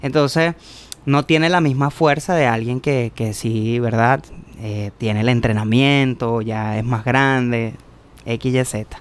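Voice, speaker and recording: A man's voice: mid-range voice, takes it slowly, smooth. A young man, chatting on a podcast and telling a personal church story, acting out the voices in it. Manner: animated storytelling, acts out quoted dialogue. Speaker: podcast co-host, church musician. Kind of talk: casual chat, personal testimony.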